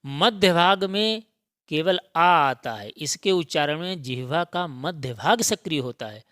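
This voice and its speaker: A man's voice: on the high side, expressive, a bit bright, no room sound, clean studio sound. A man teaching a grammar lesson for exam preparation, drilling the sounds by repetition and checking often that students follow. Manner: slow, repetitive drilling, frequent check-ins.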